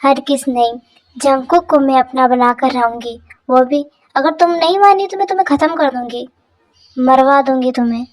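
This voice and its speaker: A woman's voice: high voice, normal speed, natural voice. A woman voicing a jealous, vengeful young rival in a fan dub drama, sneering and threatening.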